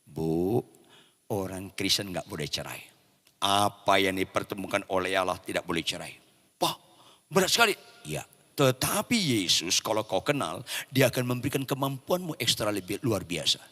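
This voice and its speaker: A bright, forceful male preacher whose voice leaps and dips as he acts out a story from the pulpit. He swings between hushed, low lines and shouted peaks. The sound carries a long reverb from a large church hall. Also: expressive, normal speed. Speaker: pastor. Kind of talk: sermon.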